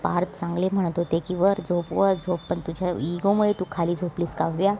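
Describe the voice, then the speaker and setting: A fond younger sister chatting with her elder sister, as a woman reads her aloud. The voice is low and mellow, with faint noise underneath. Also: little pitch movement, brisk, creaky. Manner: read aloud in a plain narrating voice.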